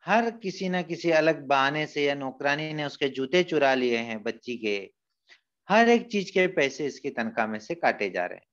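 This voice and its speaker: A male teacher walks his class through a story, patiently retelling each scene and explaining what it means. His voice is fairly high, and the recording sounds dull and lo-fi. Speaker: school teacher.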